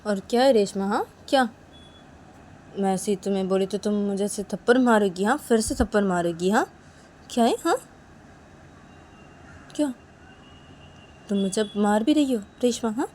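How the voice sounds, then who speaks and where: A woman voicing a suspicious young woman who nags and accuses in a low, quiet voice, ending her sentences with a questioning "haan?". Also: normal speed, pauses often, a little hiss or hum, close to an everyday voice. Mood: taunting. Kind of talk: one-woman voiced romance story.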